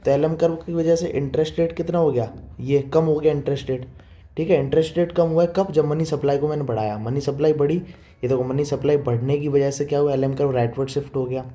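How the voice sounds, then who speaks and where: A young man teaching economics in a casual lecture style, talking fast and often checking in with the students. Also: on the high side, fairly even intonation, dark tone. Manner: repetitive, checks understanding with frequent 'theek hai'; quick, informal teaching tone, addresses students as 'beta'. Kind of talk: classroom lecture explaining diagrams.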